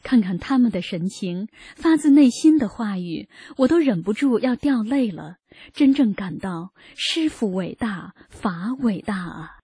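Earnest woman narrator with a warm, mellow tone, reading a personal testimony. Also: medium pitch, lively intonation, measured pace, slightly rough, dry recording, clean studio sound. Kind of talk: read first-person narration.

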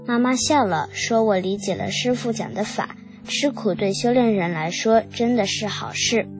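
A woman reading a first-person account aloud in short, measured phrases. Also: fairly high pitch, over music.

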